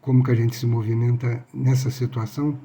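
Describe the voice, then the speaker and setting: A man quoting a calm divine male presence gently instructing a child. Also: mid-range voice, brisk, natural voice.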